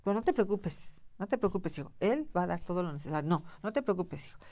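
A woman voicing a divorcing mother who quickly reassures her son. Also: lowish voice, big pitch swings, a little mellow. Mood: soothing.

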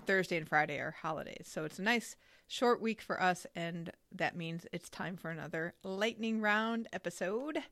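A woman's voice: fairly low pitch, a bit bright, no room sound. Chatty woman podcast host, dry sound. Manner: brisk, chatty, laughs easily. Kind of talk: casual podcast chat.

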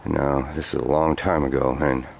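Man in his forties, extremely low voice, loose rambling storyteller, outdoor walk, faint background hiss. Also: level tone, moderate pace, gravelly, a little mellow. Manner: rambling, loose with many fillers. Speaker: vlogger. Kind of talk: walking storytelling vlog. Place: outdoors on sandy trails by woods.

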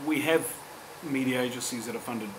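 At a panel discussion, an earnest middle-pitched speaker, a man in his forties with a New Zealand accent, keeps stopping and starting his sentences. He's recorded from afar on a table mic, so the lecture room's echo and a constant hum come through.

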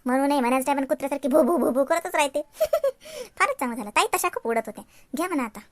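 A woman's voice: very high-pitched, lively intonation, fast, fairly bright tone, no echo. A woman voicing a scheming woman relative in a cartoon, muttering gloating asides. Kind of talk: cartoon voice acting.

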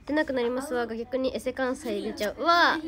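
A woman's voice: sits high, fairly quick, crowd noise. A teenage girl from Hyogo with a Kansai accent, chatting casually on a livestream, reading out viewer comments and thanking fans by name. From Hyogo, Japan. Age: teens. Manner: bubbly, thanks viewers by name, refers to herself by name. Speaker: idol livestreamer.

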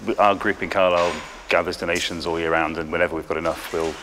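A man in his forties from England, a volunteer explaining his work calmly in a large warehouse. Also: low voice, fast talker, a little hiss or hum. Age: 40s. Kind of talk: interview.

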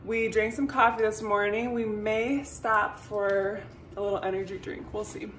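A woman's voice: mid-range voice, steady tone, unhurried, a bit bright, echoey room, a little hiss or hum. A young woman in her twenties vlogging her workout plan and coaching exercise technique in a bubbly, chatty way. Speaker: fitness vlogger. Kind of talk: upbeat workout vlog and exercise instruction. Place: home, then car, then voice-over on gym clips. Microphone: phone camera at arm's length.

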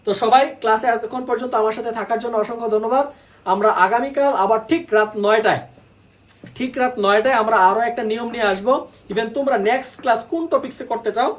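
A woman's voice: a little high, distant mic. Roomy-sounding female Bengali tutor. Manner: repeats key words and asks students rhetorical questions. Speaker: online Bengali teacher. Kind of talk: live online class.

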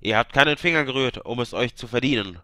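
A man voicing a hot-tempered, vengeful young man who hisses his words loudly. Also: mid-range voice, animated, quick pace, no room sound, clean studio sound, pitched above the performer's own voice. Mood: angry. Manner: loud, hissing.

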